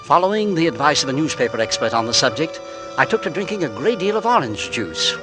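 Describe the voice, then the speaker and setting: In a 1940s radio suspense play, a male actor portrays an anxious, tender husband narrating his own mysterious illness through first-person narration and dialogue. His slightly high voice is very animated and quick, brooding and dramatic, melodramatic and genteel, turning hesitant in dialogue. It's a vintage radio drama recording with music underneath.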